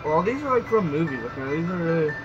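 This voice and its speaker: A man's voice: a little high, sing-song, fast, lo-fi sound, over music. A young man in casual, teasing reaction chat, with some swearing. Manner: foul-mouthed, teasing. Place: small dim bedroom.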